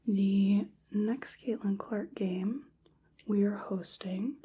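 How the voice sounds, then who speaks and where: Slow, whispered role-play by woman. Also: mid-range voice. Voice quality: soft, breathy whisper. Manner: folksy, chatty small-town bedside manner. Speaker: ASMR performer playing a small-town clinic examiner.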